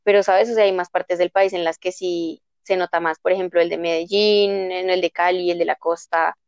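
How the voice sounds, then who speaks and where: A woman's voice: lowish voice, fairly even intonation, moderate pace, smooth, dry recording, highs cut off. A woman with a Bogotá accent, a podcast guest chatting casually, hesitant with many fillers. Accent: Bogotá Spanish. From Bogotá, Colombia.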